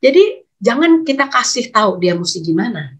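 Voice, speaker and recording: A woman's voice: fairly high pitch, sing-song, moderate pace, husky. A woman speaking on a video call, advising parents in a webinar talk and sometimes acting out child and parent voices.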